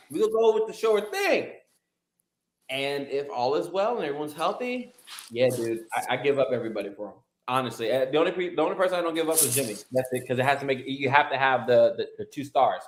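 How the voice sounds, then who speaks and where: A man guesting on a casual sports podcast, ranting animatedly and swearing often as he jokes. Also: high-pitched. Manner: animated, profane, joking rants. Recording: roomy echoey sound.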